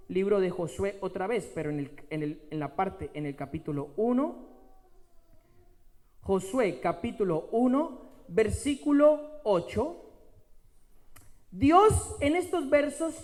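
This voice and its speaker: Animated, slow-preaching man in a reverberant hall. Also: very high voice. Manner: slows and stretches key words for emphasis, repeats phrases. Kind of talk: sermon.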